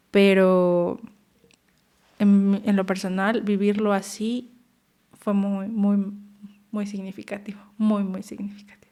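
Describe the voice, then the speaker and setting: A woman's voice: medium pitch, a little mellow. A young woman with a Mexican accent, a mother telling her stories as a podcast guest, earnest and repeating words for emphasis. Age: young adult. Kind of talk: emotional personal storytelling.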